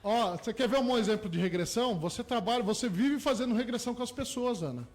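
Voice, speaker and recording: Brief: man, hypnotherapist guest on radio, high voice, eager, piles up everyday examples. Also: lively intonation, fast talker, a little mellow. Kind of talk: radio interview. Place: radio studio.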